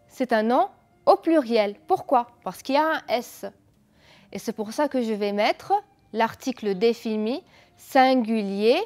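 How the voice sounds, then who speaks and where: Lady teacher on a school tv lesson, talks real slow, asks the kids stuff and says bravo a lot. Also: a little high, darkish tone. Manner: patient, asks pupils questions and praises answers. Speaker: French teacher.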